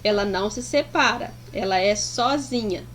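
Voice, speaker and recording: A woman's voice: mid-range voice, normal speed, a bit bright, a little hiss or hum. A woman teacher explaining a lesson to pupils, affectionate and sounding out words syllable by syllable. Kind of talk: slow, deliberate classroom explanation.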